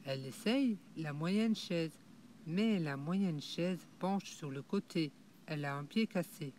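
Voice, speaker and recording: A woman narrating a children's audiobook in a slow, clear and expressive way. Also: low voice, slight background noise. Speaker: storyteller.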